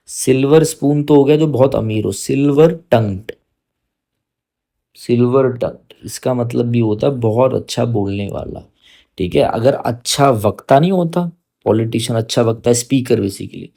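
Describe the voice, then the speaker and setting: A man in his thirties with an Indian English accent teaching exam vocabulary. He explains slowly, spells words out letter by letter, repeats phrases and mixes Hindi with English. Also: medium pitch, creaky, mellow. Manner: mixes Hindi and English, checks in with "theek hai". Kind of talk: exam-prep vocabulary lesson.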